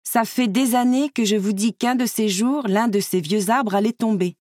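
A woman's voice: a little high, normal speed, a little mellow, no room sound, close to an everyday voice. A cranky old dwarf grumbling that he told everyone so, as a woman reading a storybook puts him on. A close, dry voice with a complaining edge.

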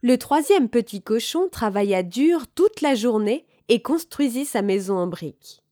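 A woman reading a children's fairy tale aloud in a calm, clear, measured way. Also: a little high, no echo, studio quality. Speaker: storyteller.

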